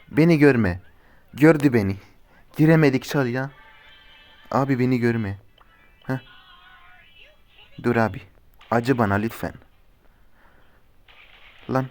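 A young man giving casual commentary as he plays a mobile game, often cursing and yelling at rivals. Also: medium pitch. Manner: swears and shouts at opponents in frustration. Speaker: gaming YouTuber.

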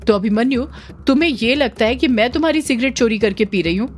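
A woman doing Shalini, a cold sharp young woman. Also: a little high, quick pace, faint music behind, lightly acted. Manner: sharp, cold, restrained anger. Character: young woman, proud and easily angered.

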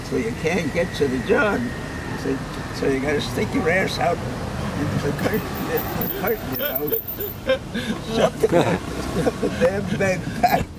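A very old man chatting casually and telling anecdotes in a halting, repetitive way. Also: fairly high pitch. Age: elderly, 90s or older. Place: outdoor sidewalk cafe table. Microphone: camera across the table. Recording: outdoor street cafe with loud traffic noise.

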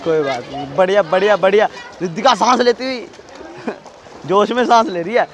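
At an outdoor pool during a school swimming competition, a man vlogs the meet, talking casually to camera for his viewers and shouting encouragement to the swimmers. His voice is high-pitched and a bit quick, with a slight hiss or hum.

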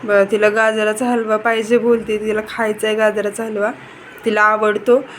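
A woman's voice: mid-range voice, flat delivery, moderate pace. A young woman, chatting casually to the camera in a home vlog as she looks after her children. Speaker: vlogger. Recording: noisy home recording.

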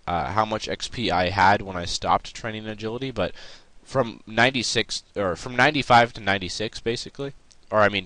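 A man's voice: deep voice, fairly bright tone, no room sound, poor audio. A young man giving casual, rambling gameplay vlog commentary in a self-deprecating way, recorded close to the mic. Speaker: gaming video host. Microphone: close mic, voice-over on screen capture.

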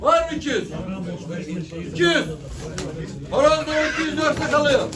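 High-pitched man calling a poultry auction. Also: moderate pace. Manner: auctioneer's repetitive calling of prices and bids. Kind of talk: live auction calling to a crowd. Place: echoey auction hall with poultry. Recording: echoey distant mic, crowd and birds. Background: crowd chatter, roosters and chickens.

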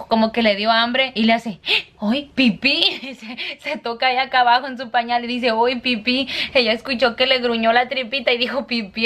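Casual: mom chatting to her followers at home on camera, kinda high voice, bit of room noise. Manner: chatty, warm toward viewers, often calls them "chicas". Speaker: family vlogger, mother. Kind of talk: casual home vlog talking to viewers.

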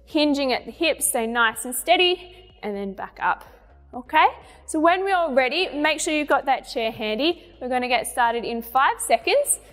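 A woman's voice: sits high, animated, moderate pace, a bit bright. A young woman working as a fitness instructor, giving encouraging cues and counts for a guided home workout. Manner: encouraging, cueing movements while demonstrating them. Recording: long reverberant room, music behind. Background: music.

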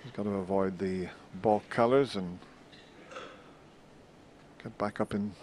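A man giving hushed, measured snooker commentary in a low-key manner. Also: fairly even intonation. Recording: crowd and hall noise behind voice. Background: snooker arena crowd ambience.

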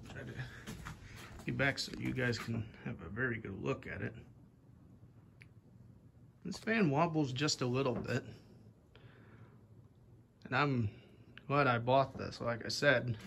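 A young ceiling-fan collector rambles through a casual demo video, repeating "anyway" a lot, his phone held up at a fan in a rafter-roofed attic or shed. He speaks slowly with long pauses in a creaky, fairly bright mid-range voice, and slight background noise is present.

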